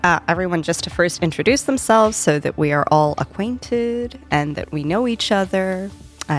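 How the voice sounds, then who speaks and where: A woman's voice: on the low side, no room sound. A woman in her twenties moderating a student podcast, friendly and conversational with some filler words. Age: 20s.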